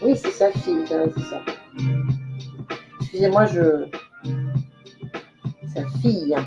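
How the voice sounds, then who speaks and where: A woman's voice: lowish voice, lively intonation, slow pace, lo-fi sound, music in the background. An older woman, a clairvoyant medium, chatting casually and giggling as she talks straight to the viewers of her live stream.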